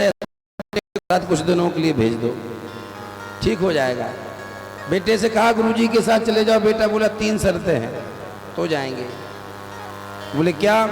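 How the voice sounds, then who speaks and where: A man delivers a devotional katha sermon, acting out the lines of each figure in the story he tells. His voice sits high and rings out through a roomy space with a long reverb tail. Music plays clearly behind him. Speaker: katha preacher. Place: large outdoor katha venue with loudspeakers. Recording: echoey live hall sound with music.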